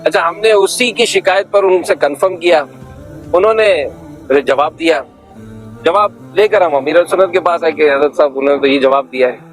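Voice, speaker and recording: A man's voice: on the high side, moderate pace, faint music behind, poor audio. A man, a guest on a religious talk show, telling anecdotes and acting out the dialogue.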